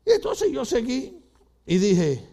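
Lively high-voiced Puerto Rican preacher. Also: male voice, slow pace. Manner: animated, comic storytelling with acted-out voices. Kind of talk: sermon. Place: church.

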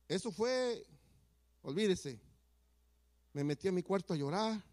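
High-voiced man giving testimony. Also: lively intonation, measured pace. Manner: earnest, swings from hushed to emphatic. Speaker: church member giving testimony. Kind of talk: personal testimony storytelling.

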